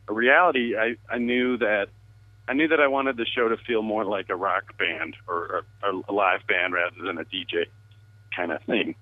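A relaxed man speaks over a phone line that sounds thin and tinny. His voice sits low, and the line is dry with no room sound. He chats casually and laughs often. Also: dry recording. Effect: heard over the phone. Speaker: music producer guest. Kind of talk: casual interview chat.

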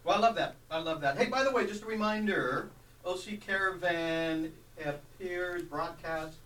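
A man's voice: a little high, fairly bright tone. A man hosting a radio talk show in casual, upbeat announcer-style patter, heard through a faulty headset mic that makes him sound distant and tunnel-like. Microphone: malfunctioning headset mic. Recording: echoey, far-off mic with faint background noise.

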